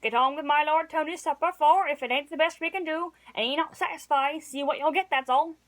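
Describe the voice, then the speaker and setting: A woman voicing a loud, good-natured old male innkeeper who lectures in rustic dialect. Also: high-pitched, fairly quick, voice pushed up. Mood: scolding.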